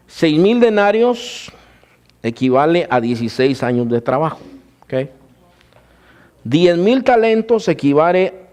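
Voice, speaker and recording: A male pastor giving a sermon in a church. He keeps calling the congregation "brothers", asks them rhetorical questions and slows down to stress the numbers. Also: a little high, a little mellow.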